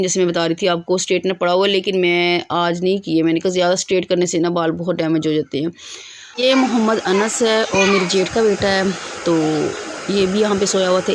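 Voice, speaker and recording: Hoarse young mom vlogging at home. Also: female voice, on the low side, a little hiss or hum. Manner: chatty, affectionate, talks to camera. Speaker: mother vlogger. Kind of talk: casual home vlog narration. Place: family home indoors.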